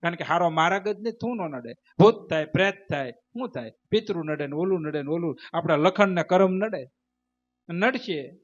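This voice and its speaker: High-voiced preacher. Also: male voice, expressive, moderate pace. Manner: emphatic, repetitive, rhythmic preaching. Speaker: spiritual teacher. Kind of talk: devotional sermon with storytelling. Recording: dull lo-fi recording.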